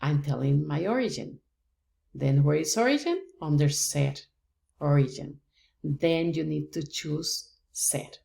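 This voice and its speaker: A low-pitched woman, speaking slowly and deliberately. She teaches patiently, building up each point with simple examples. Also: vocal fry, warm tone. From Costa Rica. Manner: patient, explains step by step with examples. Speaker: Spanish teacher. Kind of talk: slow, deliberate language lesson.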